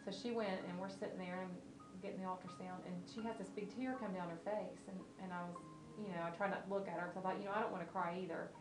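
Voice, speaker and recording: A woman's voice: lowish voice, steady tone, fast talker, roomy sound, over music, poor audio. A woman telling a personal testimony in a candid, storytelling way. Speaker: mother sharing a testimony.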